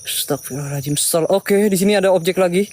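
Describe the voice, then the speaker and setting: A man's voice: fairly high pitch, level tone, moderate pace, darkish tone. An Indonesian man hosting a ghost-hunting vlog outdoors, nervously commenting and muttering prayers as he goes. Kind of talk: live paranormal exploration commentary. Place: outdoors at night among trees. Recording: noisy outdoor recording with night insects. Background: crickets and insects.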